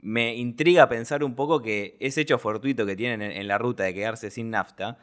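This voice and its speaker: A man's voice: medium pitch, moderate pace, fairly bright tone. A man with an Argentine accent chatting casually about a film, hesitant and colloquial, with many fillers. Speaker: podcast film critic.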